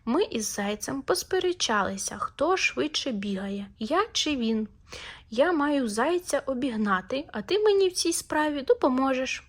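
A woman's voice: sits high, very animated, moderate pace, voice pushed up. A woman voicing a cunning, boastful male hedgehog in a storybook, sly and self-satisfied. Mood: scheming.

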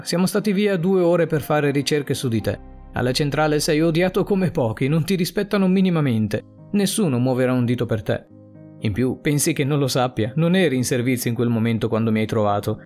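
Brief: man reading as a menacing storybook villain, cold and taunting, lively pitch. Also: close to an everyday voice. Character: cold gloating male criminal, menacing.

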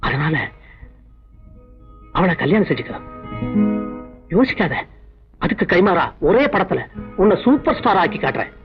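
A doting elder brother. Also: male voice, high-pitched, very animated, moderate pace, long pauses. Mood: earnest. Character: doting elder brother, film producer, persuasive. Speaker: film producer. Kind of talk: 1980s Tamil film dialogue. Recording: dull old film soundtrack with faint music.

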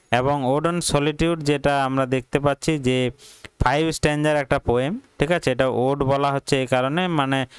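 A man's voice: medium pitch, smooth, dry recording. A man teaching a poem as a tutor, speaking hesitantly with many fillers and restarts, mixing English terms into his talk. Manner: mixes English terms into Bengali. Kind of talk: classroom poetry lesson.

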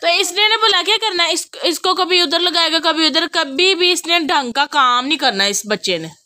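A woman's voice: very high voice, moderate pace, pushed and bright. A young woman chatting casually in a home vlog, doting and often laughing, recorded on a phone camera indoors. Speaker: vlogger.

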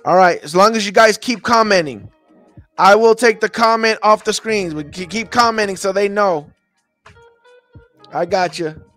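A man's voice: sits high, moderate pace, fairly bright tone, no echo, soft background music. Man muttering through game film. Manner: thinks aloud, repeats phrases, mutters to himself. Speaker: podcast host reviewing game film. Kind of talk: casual film breakdown for a live stream audience.

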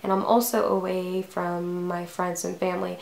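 A woman's voice: fairly low pitch, little pitch movement, normal speed, vocal fry, darkish tone, echoey room. A woman of twenty-one talking casually to camera in a vlog, rambling with many fillers. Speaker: vlogger.

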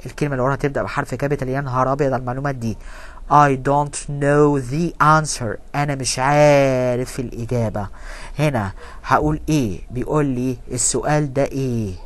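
A man with an Egyptian Arabic accent teaches an English grammar lesson, reading the English sentences slowly before explaining them quickly in Arabic. His pitch is medium and his tone steady.

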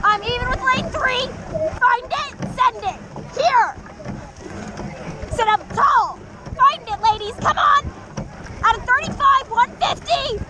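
A young woman coxswain shouting urgent, clipped, repetitive race commands to urge on rowers, outdoors in a boat. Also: very high-pitched, takes it slowly, pauses often. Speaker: rowing coxswain. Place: outdoors in a boat on open water. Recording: loud wind and water noise. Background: rowing clicks, water and wind.

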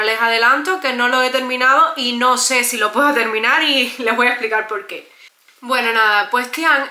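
Cuban woman vlogging, earnest and emphatic, high-ish bright voice, kinda echoey room. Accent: Cuban Spanish. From Cuba. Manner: emphatic, earnest, addresses viewers directly. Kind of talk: casual vlog talk to camera.

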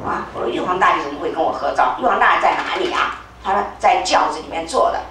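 An older woman telling a religious testimony as a spiritual leader, animated, acting out voices with sudden high leaps. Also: fast talker. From Taiwan. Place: temple hall. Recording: very echoey hall, distant mic, faint hiss.

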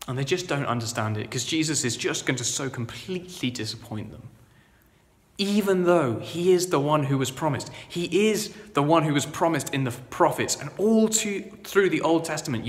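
A man preaching a sermon, earnest and conversational, moving between loud proclaiming and quiet reflection. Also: on the high side, expressive, normal speed, long reverb tail. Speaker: vicar. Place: church.

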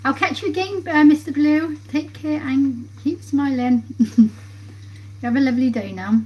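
This cooking livestream host chats with her live audience as she keeps busy at the stove in her home kitchen. She has a high-pitched, mellow voice and a moderate pace, though the audio is poor, captured by a phone camera close on the counter with kitchen noise and sizzling pans behind.

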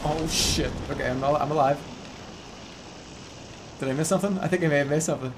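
A man in his thirties streams from home on a desk mic, chatting casually in an animated, rambling way and swearing a lot. His voice is on the high side and brisk, against a noisy background.

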